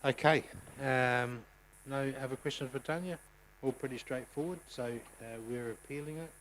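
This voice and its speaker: A male mayor with a New Zealand accent runs a council meeting in a mid-pitched, easygoing voice. He fills gaps with ums and raises his volume for motions and votes. The recording carries faint hiss. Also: low-quality recording. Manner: relaxed, halting with many ums, louder when calling votes. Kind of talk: formal meeting chairing.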